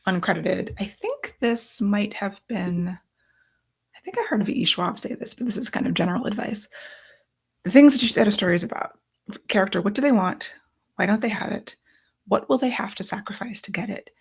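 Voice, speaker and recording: A woman author talks through her writing process, thinking aloud and pausing over her note cards. Her voice is gravelly and husky, worn thin as she is losing it. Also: medium pitch, a little mellow.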